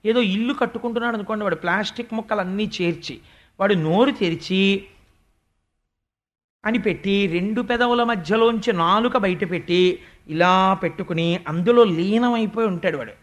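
A man giving a devotional discourse, telling stories with animation and reciting verses slowly. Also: sits high, a bit bright. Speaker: spiritual discourse speaker.

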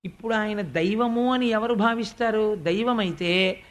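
A man giving a devotional discourse, telling stories with animation and reciting verses slowly. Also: high-pitched. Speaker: spiritual discourse speaker.

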